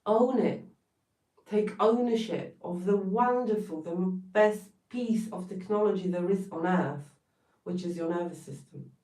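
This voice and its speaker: Speaking a little slowly in a warm, lowish voice, a woman from Poland delivers a blunt, forceful motivational talk during a live stream, occasionally cursing to drive points home. The wellness coach has a Polish accent and sits far from the mic in a roomy-sounding room.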